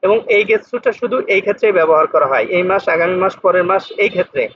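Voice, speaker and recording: A man teaching Japanese vocabulary, patiently repeating each word slowly to drill its pronunciation. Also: high-pitched, a bit bright, slightly rough. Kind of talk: vocabulary lesson explanation. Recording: dull lo-fi sound.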